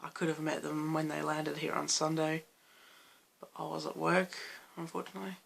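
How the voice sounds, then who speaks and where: A young Australian man with a hoarse, croaky voice, chatting loosely in a late-night vlog and rambling through restarts. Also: a little high, completely flat delivery, normal speed, fairly bright tone. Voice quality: gravelly fry. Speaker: vlogger.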